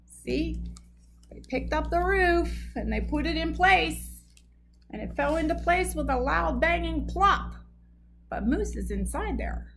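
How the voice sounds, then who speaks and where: A woman reads a picture book aloud at bedtime and stops often to explain it gently to children. Her voice sits high and swings widely in pitch. A faint hum sits behind her.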